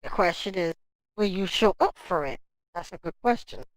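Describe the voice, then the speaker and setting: A woman's voice: on the low side, normal speed, dry recording, low-quality recording. A woman livestreaming from home, ranting in casual talk, swearing and speaking straight to her chat. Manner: animated, profane ranting.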